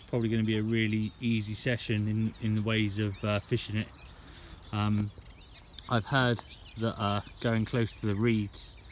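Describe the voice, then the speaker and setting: A man talking casually to camera in a laid-back, slangy way, as a fishing vlogger. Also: lowish voice. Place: outdoors at a fishing lake. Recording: outdoor ambience and background noise.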